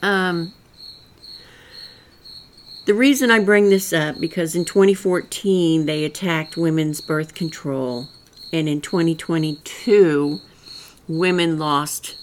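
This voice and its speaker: An older woman from rural Southwest Missouri hosts her own podcast, delivering solo political commentary in a folksy, rambling, earnest monologue with a rural Missouri accent. Her voice is low, and there is slight background noise.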